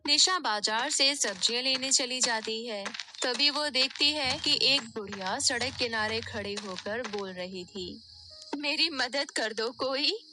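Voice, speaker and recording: A woman narrating a bedtime storybook tale in a steady, plain storytelling manner. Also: fairly high pitch, background noise.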